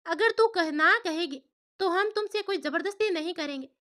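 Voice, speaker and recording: Woman voicing a gentle brother figure in a storybook, reassuring and patient. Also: extremely high pitch, moderate pace, voice pushed up. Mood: coaxing. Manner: coaxing, reassuring. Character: kindly adult man, gently persuasive elder brother.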